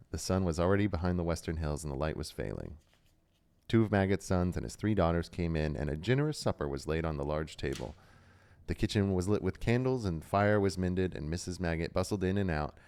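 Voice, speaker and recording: A man hosting a book club livestream, reading a novel aloud at a steady pace with casual asides. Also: sits low, smooth.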